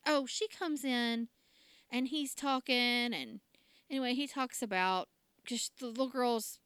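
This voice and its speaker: A woman's voice: a little high, unhurried, a bit bright, clear, resonant tone, dry recording, studio quality. A woman, casually recapping a TV drama episode and laughing often. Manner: chatty, laughs often, acts out quotes. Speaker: podcast co-host recapping a TV drama. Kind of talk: casual chat.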